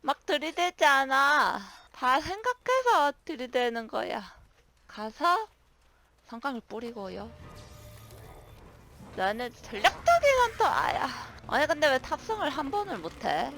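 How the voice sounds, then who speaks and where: A woman gamer commentating her own play in an excitable, animated way, barking commands and cursing at monsters. Her voice is bright and slightly gravelly, with a slow, drawn-out delivery. Faint game music plays behind her. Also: sits high. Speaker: gaming streamer. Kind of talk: live gameplay commentary.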